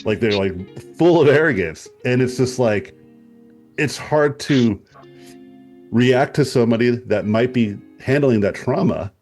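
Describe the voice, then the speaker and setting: A man's voice: medium pitch, unhurried, a little mellow, soft background music. A man in a casual group discussion, talking in a rambling, reflective way and swearing now and then.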